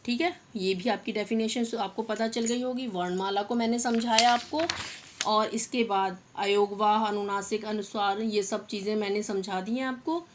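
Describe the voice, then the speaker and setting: A young adult woman teaching a Hindi grammar lesson to young children, patiently repeating example words slowly and addressing her pupils fondly. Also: mid-range voice, fairly even intonation, slight background noise. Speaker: primary school teacher.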